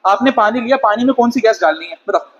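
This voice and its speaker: A man's voice: sits high, expressive, quick pace. A man teaching a chemistry class in a chatty lecture style, questioning and scolding his students. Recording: dull lo-fi sound with faint noise.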